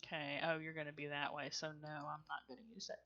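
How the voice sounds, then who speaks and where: A woman's voice: low-pitched, level tone, quick pace, gravelly, pushed and bright, muffled recording. A woman with a Southern US accent, streaming a game in casual commentary, chatty and rambling, muttering to herself and laughing often.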